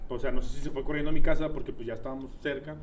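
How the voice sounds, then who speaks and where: A man's voice: medium pitch, fairly even intonation, rapid-fire, a little hiss or hum. A young man with a Mexican accent telling a story in casual chat, slangy and swearing a lot. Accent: Mexican Spanish.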